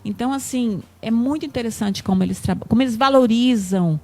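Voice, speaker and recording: A woman's voice: on the high side, fast, a little mellow. A Brazilian woman, a teacher, explaining earnestly as a guest in a TV interview and repeating her key points. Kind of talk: TV studio interview.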